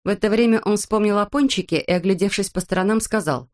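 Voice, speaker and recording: A woman narrating a children's storybook in an even storytelling manner. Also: mid-range voice, quick pace. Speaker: audiobook narrator.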